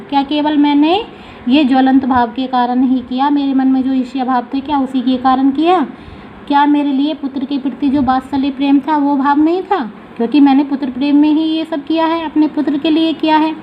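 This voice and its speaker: Woman teacher, high voice, explaining verses, dull lo-fi recording, faint hiss. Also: steady tone. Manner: reads verses slowly then paraphrases in plain speech. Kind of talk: explaining a Hindi poem line by line.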